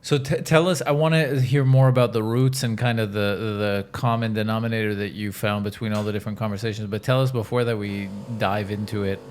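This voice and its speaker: A man hosts a relaxed podcast conversation and steers his guest with curious follow-up questions. His voice sits on the low side and stays easygoing throughout. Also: fairly quick, hardly any pauses, slight background noise. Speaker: podcast host. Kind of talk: casual podcast interview.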